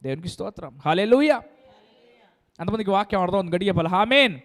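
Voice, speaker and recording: Brief: emphatic preacher calling for amens; high, smooth, resonant delivery. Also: male voice, animated, very fast, a bit bright. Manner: emphatic, calls for amen and hallelujah. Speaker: pastor. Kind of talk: sermon.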